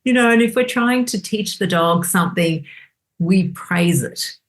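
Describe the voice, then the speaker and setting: A woman, a doctor on a podcast, explaining in a lively chatty way and acting out inner voices. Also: on the low side, unhurried. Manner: animated, acts out inner voices. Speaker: doctor guest. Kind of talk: casual podcast conversation.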